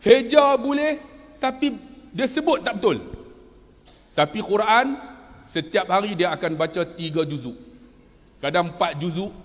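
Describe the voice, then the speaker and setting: A man in his fifties giving an animated, humorous religious talk and quizzing his audience. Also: high-pitched. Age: 50s. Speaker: religious speaker. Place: large event hall. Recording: long reverb of a big hall.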